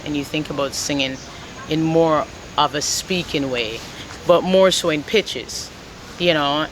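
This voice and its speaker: A Jamaican woman with a deep voice, a singer and guitarist appearing as a guest, chats casually in an interview over background noise. She's relaxed and rambling, using lots of "like" and "you know."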